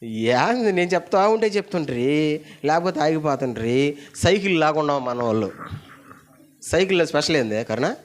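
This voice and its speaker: A male pastor giving a sermon in a church, calling the congregation to repeat his words and to shout them louder. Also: lively intonation, normal speed, pauses often. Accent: Telugu. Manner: calls the congregation to repeat and shout, pitch climbing loud. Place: church hall.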